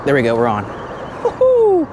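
His pitch is medium but swings widely, and he talks at a normal speed. The young man is chatting cheerfully in a casual vlog as he fishes from an outdoor pier, captured by a head-mounted action camera with plainly noisy outdoor audio.

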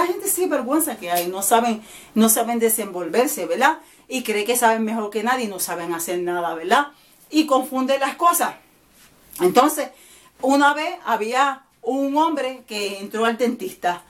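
A woman preacher with a slightly high voice, chatting in a loose, joking way. She tells humorous anecdotes and acts out the characters in them. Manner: jokey, tells funny anecdotes, often asks "¿verdad?", acts out voices. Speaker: evangelist. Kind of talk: casual storytelling monologue.

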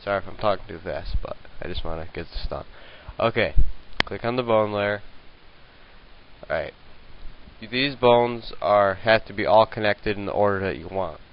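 A young man giving a casual screen-recorded software tutorial, rambling and hesitant with many fillers, talking into a handheld mic at his home computer. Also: fairly low pitch, moderate pace, muffled recording, a little hiss or hum. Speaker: tutorial maker.

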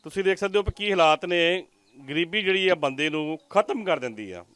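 Majhi punjabi guy reporting out in a village, dry close sound, slightly high voice. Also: animated, fairly quick, fairly bright tone, clear, resonant tone, dry recording. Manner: earnest, pleading appeals to viewers. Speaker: news reporter. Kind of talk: field report interview. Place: village outdoors.

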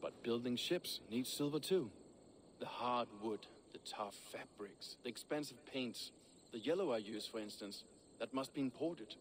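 A blunt, proud Viking shipbuilder, as a man acts him out, speaks in a gruff, plain-spoken way. His game dialogue sits at an ordinary male pitch. A faint hiss runs under it. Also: lightly acted. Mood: earnest. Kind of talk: video game voice acting.

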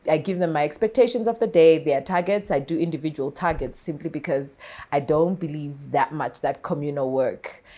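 A woman in her thirties, a guest on a studio interview, talking in an articulate, animated way with frequent laughs, recorded on a lapel mic. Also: low voice, normal speed. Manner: articulate, animated with hand gestures, laughs often. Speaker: farmer and entrepreneur guest. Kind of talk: interview conversation. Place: small television studio set.

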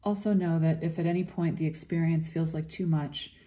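A woman with a deep, steady voice guides a meditation. Her manner is gentle and soothing, never rushed, with long pauses between phrases.

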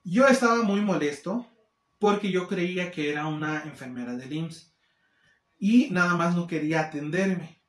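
A man with a Mexican accent telling a casual storytime, animated and acting out the people he quotes. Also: high-pitched, normal speed. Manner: animated, acts out quoted people in shifting voices. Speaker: vlogger. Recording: roomy echo.

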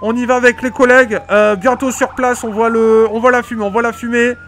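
A man's voice: very high-pitched, little pitch movement, brisk, fairly bright tone, a little hiss or hum. A man voicing an urgent fire dispatcher and firefighter in police-radio style, with repeated clipped acknowledgements. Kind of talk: role-played emergency radio traffic.

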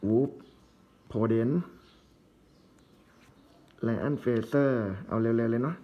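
A man's voice: mid-range voice, steady tone, takes it slowly, highs cut off. A man casually commenting while opening trading card packs, reading out player names in short bursts with chatty asides.

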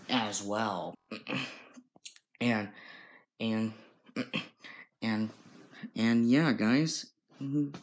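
Young man, home vlog, low voice, very slow, repetitive, phone recording in a bedroom. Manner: slow and repetitive, keeps addressing "guys". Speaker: vlogger. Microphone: handheld phone camera.

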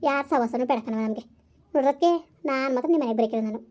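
[name], a woman playing a bitter, fast-talking village woman. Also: sits high, close to an everyday voice. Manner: sharp, resentful, rapid-fire retorts. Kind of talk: village comedy skit acting.

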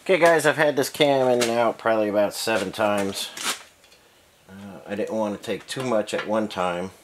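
A man with a fairly low voice speaks at a moderate pace, casually explaining engine work in his home garage in a matter-of-fact way with many fillers. An off-screen camera mic picks him up against a noisy background.

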